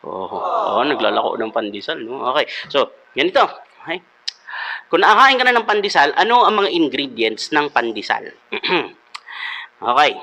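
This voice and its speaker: A man's voice: mid-range voice, sing-song, moderate pace, pauses often, sharp tone. A man hosting a comedic devotional talk, playfully quizzing his listeners and switching into English. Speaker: devotional host.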